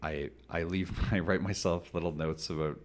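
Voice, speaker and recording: A man in his thirties hosting a casual interview, talking in a rambling, animated way and laughing often. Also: deep voice, normal speed. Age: 30s. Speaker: podcast host.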